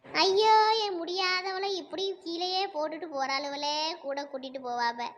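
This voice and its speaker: Woman voicing a whiny village auntie in a cartoon, super high squeaky voice, all drama. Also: fairly even intonation, moderate pace, fairly bright tone. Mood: wailing. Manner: wailing, melodramatic, self-pitying. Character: whiny scheming middle-aged village woman begging for juice. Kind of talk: cartoon comedy voice acting.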